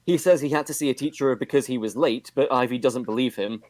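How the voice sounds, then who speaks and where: A man casually recapping a television episode on a podcast, with steady narration and frequent fillers. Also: mid-range voice, quick pace, no echo. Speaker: podcast host recapping a show.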